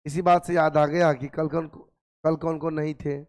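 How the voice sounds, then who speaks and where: A man teaching a physics class, nursing a sore throat, coaxing and gently scolding his students with repeated questions. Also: a little high, little pitch movement, normal speed, smooth. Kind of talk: classroom lecture.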